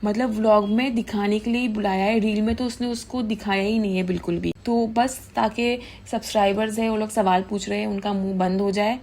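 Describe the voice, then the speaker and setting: A woman's voice: mid-range voice, a little mellow. A young woman giving casual, indignant gossip commentary, switching freely into English. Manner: chatty, mixes English into Hindi, indignant gossip. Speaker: commentary vlogger.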